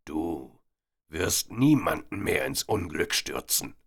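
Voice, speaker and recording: A man voicing a strongly built, deranged old man who speaks slowly and conspiratorially. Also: low voice, lively intonation, gravelly, husky, full character voice. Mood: menacing. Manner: slow, intense, conspiratorial.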